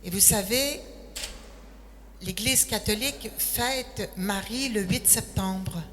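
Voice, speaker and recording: An older woman from Quebec City with a Québécois accent, giving a personal testimony and telling her story in an unhurried way. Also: medium pitch, a bit bright. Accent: Québécois French. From Quebec City, Canada. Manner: slow, unhurried storytelling, sentences often starting with 'alors'. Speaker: speaker giving a faith testimony. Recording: echoey hall with faint noise.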